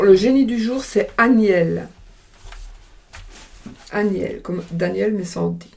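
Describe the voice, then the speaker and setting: Gravelly, mellow woman with a regional French accent, chewing gum as she reads tarot casually. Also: medium pitch. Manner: hesitant, thinking aloud, chewing gum. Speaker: tarot card reader. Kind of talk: casual card-reading vlog.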